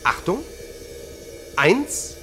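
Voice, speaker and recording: An actor playing a mocking, vengeful stage magician in a vintage radio play, with a slow, commanding, hypnotic delivery. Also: male voice, sharp tone, soft background music. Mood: triumphant, hypnotic.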